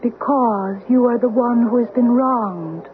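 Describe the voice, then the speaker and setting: Heard through muffled, noisy vintage radio audio, a woman plays a dead mother's restless spirit in a horror drama of old. She sounds natural and unhurried at a fairly high pitch, her delivery plaintive and ethereal as she pleads mournfully.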